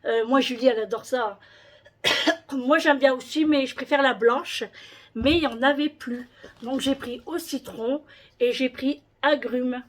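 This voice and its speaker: A woman's voice: sits high, unhurried. A woman vlogger chatting casually about her shopping haul, with many hesitations and repeated words.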